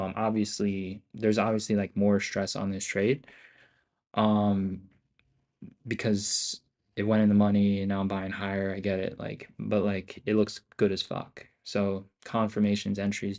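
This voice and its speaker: A man giving casual live trading commentary as a streamer, in loud, cocky, slangy finance-bro talk full of swearing and bro and dude. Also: fairly low pitch, vocal fry. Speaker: day trader hosting a live stream.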